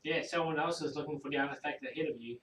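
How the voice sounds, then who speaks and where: A man's voice: on the high side, steady tone, racing, a bit bright. A man playing a tabletop game, talking in a casual, offhand way. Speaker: player. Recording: roomy, distant mic, faint noise.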